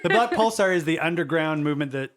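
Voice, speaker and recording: A man's voice: on the high side, expressive, quick pace, slight background noise. A man narrating as game master of a tabletop role-playing game, laughing easily and slipping into character voices.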